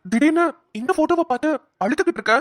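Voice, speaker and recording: A woman's voice: high voice, lively intonation, quick pace. A woman voicing a young male police officer who reassures and protects his partner in a cartoon. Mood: caring. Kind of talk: cartoon voice acting.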